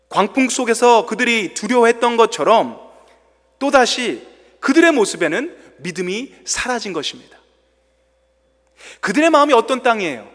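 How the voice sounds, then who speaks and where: A man's voice: high voice, fairly bright tone. A male pastor preaching a sermon in a dramatic, storytelling way, acting out quoted lines in a church sanctuary. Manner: dramatic storytelling, quoting with acted voices. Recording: long church-hall reverb.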